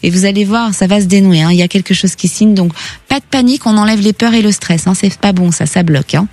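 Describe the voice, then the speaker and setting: A woman with a medium-pitched, slightly mellow voice speaks fast as she hosts a radio phone-in, offering callers psychic readings. Her intuitive advice comes across as conversational, reassuring and encouraging.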